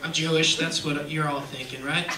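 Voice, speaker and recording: A man's voice: a little high, steady tone, normal speed. A man doing a stand-up comedy set on a music hall stage, with a brash, punchy delivery and frequent check-ins with the crowd. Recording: echoey venue, distant, loud crowd noise.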